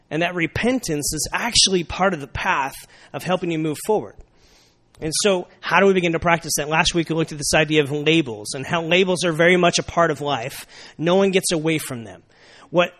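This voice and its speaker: A young man preaches in a relaxed, conversational sermon and keeps checking in with his listeners. His voice sits a little higher than most men's. He repeats his main points for emphasis and talks to the room like a friend. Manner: conversational, repeats key phrases, asks the audience "right?". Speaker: pastor.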